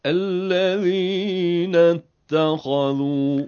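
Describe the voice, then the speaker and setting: A man reciting short examples slowly for a lesson. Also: high voice, a little mellow, clean tone, highs cut off. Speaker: Quran reciter.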